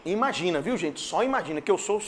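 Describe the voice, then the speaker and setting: High-voiced preaching man, animated. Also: fast, a crowd in the background. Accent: Brazilian Portuguese. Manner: animated preaching, swinging from loud declarations to hushed asides. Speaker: pastor. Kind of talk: sermon. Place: church.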